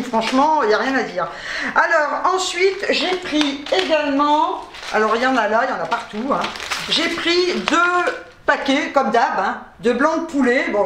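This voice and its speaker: Woman, high voice, casual grocery haul chat, laughs a lot, roomy echo, faint noise. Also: a bit bright. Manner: chatty, joking, laughs often, many fillers. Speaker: vlogger. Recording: echoey room, faint noise.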